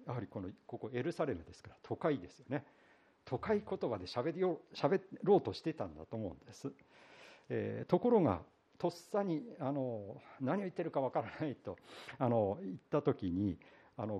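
A male pastor from Iwate, Japan, delivers a conversational sermon, telling the story in a relaxed, folksy manner full of hesitations. His voice is mid-range and husky, and the recording is lo-fi.

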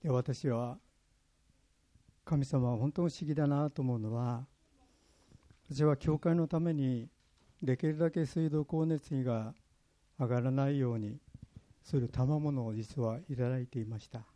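A man's voice: medium pitch, measured pace, pauses often, dark tone. A pastor from Kyushu, Japan, preaching a sermon in an earnest way, sharing his own stories. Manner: earnest, personal storytelling.

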